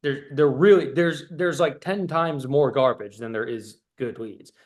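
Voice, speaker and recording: This is a business coach on a casual call, a man with a mid-range, unhurried voice. He's blunt and swears freely, delivering his points emphatically in a stop-start way and frequently repeating himself.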